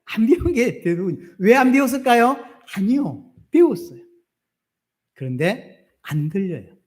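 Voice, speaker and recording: A man's voice: high-pitched, very animated, normal speed, darkish tone. A middle-aged man with a Gyeongsang Korean accent preaching a sermon as pastor. He keeps asking the congregation questions and answering them himself.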